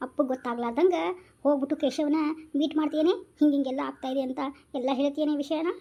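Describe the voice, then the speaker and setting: A woman's voice: sits high, steady tone, fast, dull audio. A woman voicing a tearful young woman pleading against an arranged marriage, with a North Karnataka Kannada accent. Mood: worried. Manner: pleading, weepy, soft. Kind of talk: homemade village drama.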